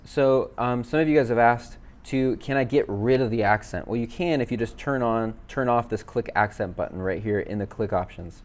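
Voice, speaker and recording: A man, a worship leader, walking viewers through app features in a relaxed, chatty way with fillers. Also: medium pitch. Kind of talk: casual software demo. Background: backing tracks playing.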